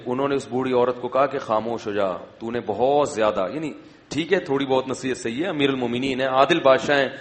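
A man giving an Islamic sermon, telling stories and asking his listeners questions. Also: medium pitch. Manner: storytelling, asks the audience questions. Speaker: preacher. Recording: long hall reverb.

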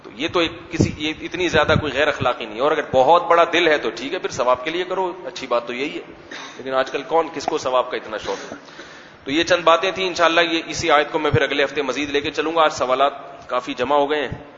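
A man's voice: a little high, fairly bright tone, a little hiss or hum. A man, an Islamic scholar, giving a weekly religious lecture in a conversational way, asking questions and answering them himself. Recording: echoey hall, slightly dull sound.

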